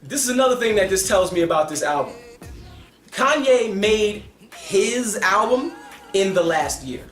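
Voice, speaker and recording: A man giving a casual, animated album review, talking emphatically and with his hands. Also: high-pitched, measured pace, echoey room, soft background music. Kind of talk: casual commentary.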